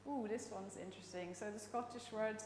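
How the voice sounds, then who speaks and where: A woman's voice: mid-range voice, fairly quick, darkish tone, slight background noise. A woman from the Netherlands with a Dutch accent, giving a playful, chatty all-age talk in church and quizzing the congregation. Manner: playful, chatty, laughs often, quizzes the audience. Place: church sanctuary. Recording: echoey church with long reverb.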